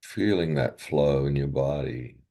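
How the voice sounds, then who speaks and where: In a bass voice touched with vocal fry, a man guides a meditation gently and without hurry, leaving long pauses between short phrases.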